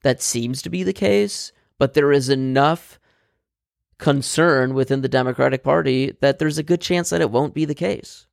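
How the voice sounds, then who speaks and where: A man with a gravelly, creaky voice talks politics in a casual, opinionated way, swearing freely. He rambles through fillers and restarts. The sound is close and dry, with no room around it. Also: mid-range voice, moderate pace, dry recording.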